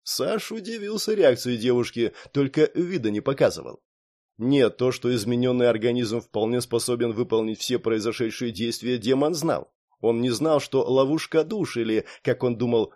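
A man reading a science fiction audiobook aloud, raising his pitch a little for the characters' lines. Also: warm tone. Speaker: audiobook narrator. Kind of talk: scripted audiobook narration.

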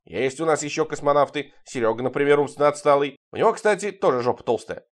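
A man reading the lines of a sharp-tongued, sulky young woman in a story, snappish and curt. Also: fairly high pitch, quick pace, natural voice.

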